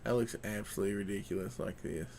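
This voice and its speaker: A man's voice: fairly low pitch, fast talker, gravelly, a little mellow, a little hiss or hum. A man chatting casually and thinking aloud as he works, muttering to himself in a folksy, colloquial way. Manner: folksy, colloquial grammar with ain't. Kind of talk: casual chat while working at a computer.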